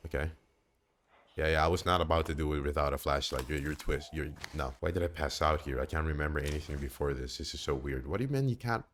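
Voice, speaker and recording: A young man with a very low voice narrates his horror game playthrough. He's animated, exclaims and repeats himself, talking straight back at the screen. A faint hiss sits under the recording. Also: fast talker. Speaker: gamer playing a horror game. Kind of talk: let's-play commentary.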